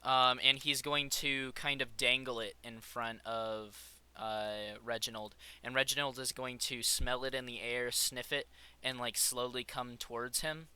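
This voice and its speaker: A man's voice: medium pitch, steady tone, unhurried, bright, forceful tone, clean tone. A man running a tabletop game, narrating in a rambling way with frequent fillers and restarts. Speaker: game master.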